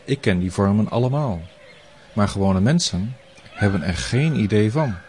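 A man voicing a solemn, wise old grey-haired priest in a storybook reading, speaking earnestly and in hushed tones. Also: on the low side, animated, normal speed, a little hiss or hum, lightly acted.

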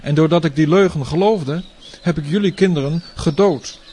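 A man voicing a cruel tyrant king who loudly preaches and begs forgiveness in a storybook tale. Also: on the high side, animated, a little slow, slightly rough, voice pushed up. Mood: preachy, remorseful. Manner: loud, preachy pleading.

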